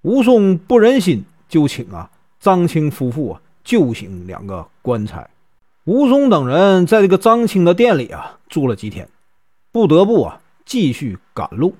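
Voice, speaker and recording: A man with a Northeastern Mandarin accent telling a classic tale in a chatty way, with many drawn-out fillers. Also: on the high side, wildly swooping pitch, warm tone. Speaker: storyteller. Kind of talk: casual storytelling.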